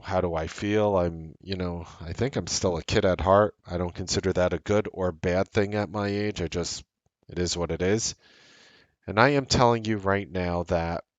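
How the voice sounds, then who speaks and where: A deep-voiced man in his late thirties, around forty, hosts a trading show and delivers market commentary straight to the camera. He hammers his points home and repeats them in an earnest, salesy manner. The recording is close and dry, with no echo or room sound.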